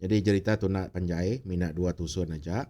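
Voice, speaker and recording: A man from Sarawak narrating a read-aloud tale as a channel host, in a measured way, going through names one at a time. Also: sits low, fairly even intonation, mellow. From Sarawak, Malaysia.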